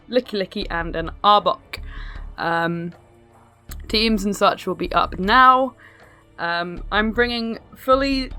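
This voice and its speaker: A woman with a hoarse, sick-sounding smoker's rasp, giving casual, sarcastic, sweary game commentary. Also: medium pitch, pushed and bright. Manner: sarcastic, self-deprecating, sweary. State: ill, hoarse. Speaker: video host narrating own battle. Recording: music behind the voice. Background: music.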